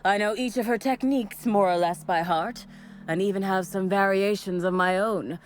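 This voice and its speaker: A woman voicing a devoted female cult assistant in a game, giving a chipper pitch that sags into tired resignation. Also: fairly even intonation, moderate pace, a little hiss or hum, close to an everyday voice. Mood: resigned. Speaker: voiced game character.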